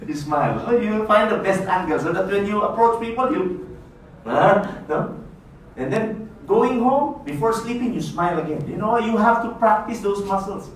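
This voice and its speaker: A man's voice: high voice, lively intonation, moderate pace. A man from the Philippines giving a playful motivational seminar talk, often asking the audience "no?" and laughing. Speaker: network marketing speaker. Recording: echoey room, voice from far off, faint hiss.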